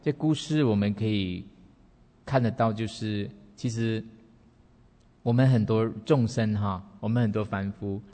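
A man tells a Buddhist teaching story at a relaxed, unhurried pace. He trails his phrases with soft particles. His voice sits low, and a long hall reverb hangs behind it. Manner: relaxed, unhurried, with many sentence-final particles. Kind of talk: storytelling dharma talk.

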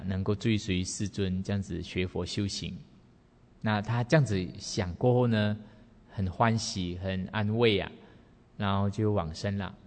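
Man, Buddhist teacher, relaxed storytelling, low voice, long hall reverb. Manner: relaxed, unhurried, with many sentence-final particles. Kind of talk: storytelling dharma talk.

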